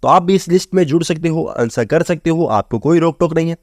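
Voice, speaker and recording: A man's voice: fairly high pitch, brisk, no echo, clean studio sound. A man teaching English vocabulary for exam prep in a chatty way, often saying the words are very easy. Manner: chatty, repeats "theek hai" and "bahut easy hai".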